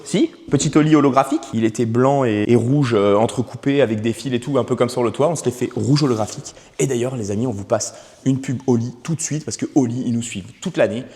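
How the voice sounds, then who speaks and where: A man casually presenting his car and sponsors in a loose, excited vlog, full of fillers and slang. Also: medium pitch, in a large hall.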